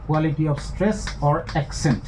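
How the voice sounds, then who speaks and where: A man's voice: a little high, moderate pace, noisy background. Indian English man giving a lecture. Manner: explanatory, repeats and rephrases points with frequent fillers. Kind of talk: recorded online lecture.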